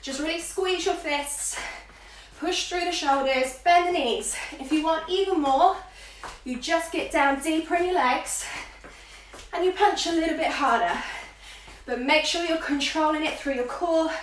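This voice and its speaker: A woman's voice: sits high, unhurried. A woman working as an aerobics instructor, calling out moves and counts in short, encouraging cues during a live workout. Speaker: fitness instructor leading a live workout class. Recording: echoey room, far from mic, faint noise.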